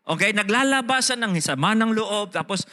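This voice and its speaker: A man's voice: high-pitched, lively intonation, moderate pace, bright, forceful tone, long reverb tail. A man with a Filipino accent, a pastor preaching a sermon, switching between Tagalog and English and often asking the congregation "Okay?". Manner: mixes Tagalog and English, frequent "Okay?" check-ins, repeats words.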